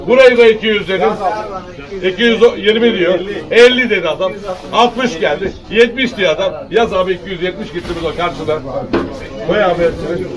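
Male fish auctioneer, high voice, repetitive price calling, recorded at a distance. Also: fairly quick, highs cut off. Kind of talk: auctioneer calling lots and bids. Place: busy fish auction hall. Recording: distant mic amid crowd chatter. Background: crowd of buyers.

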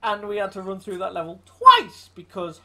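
Lively, bright-voiced woman hosting gameplay. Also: mid-range voice, moderate pace. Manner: jokey, teasing banter. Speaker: gaming channel host. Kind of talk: casual gameplay commentary.

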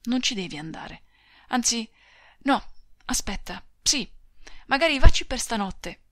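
A woman's voice: a little high, big pitch swings, a bit bright, no echo, studio quality. A woman reading the part of a brusque young male soldier in an audiobook, speaking curtly and commandingly. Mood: hurried. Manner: curt, commanding, hurried.

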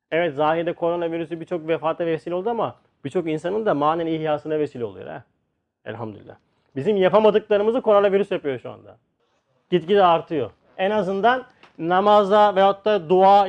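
A man giving a religious lecture, his voice sitting high for a man and lively as he acts out the people in his stories. The recording is dull and lo-fi, with the top end muffled. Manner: animated, acts out quoted voices in a story. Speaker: Islamic religious teacher.

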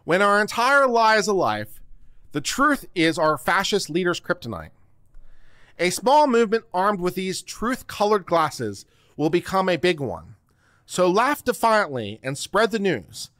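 A middle-aged man, host of a legal commentary livestream, reads a text aloud in a dramatic, emphatic, declamatory way into a desk microphone held close to his mouth. His voice is high with big pitch swings, a measured pace and a fairly bright tone. The home studio room is close and dry, with no echo.

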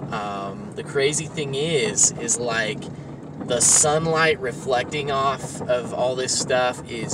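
Slow, hesitant man over loud noise. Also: medium pitch, distant mic. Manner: slow, filler-heavy talk with many ums and uhs; hushed, quiet voice while walking the dunes. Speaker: travel vlogger. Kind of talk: casual travel vlog narration. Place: in a car, then outdoors on open dunes. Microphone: phone camera. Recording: loud background noise from vehicle and wind.

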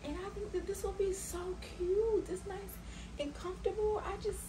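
A young woman, chatting excitedly to her viewers as she shows off her clothing haul. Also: very high voice, moderate pace, noisy background. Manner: chatty, hyped, talks straight to viewers. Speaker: fashion vlogger. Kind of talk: casual haul vlog.

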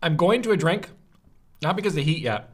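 A man talks through a casual food review vlog with his mouth burning from hot sauce. His voice sits a bit high and swings widely in pitch as he gasps and groans at the heat. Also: a little fast, husky. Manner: animated, groaning and gasping from the heat.

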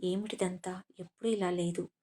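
Mellow-voiced woman narrating a story. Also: fairly low pitch, fairly even intonation, normal speed. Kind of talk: scripted narration.

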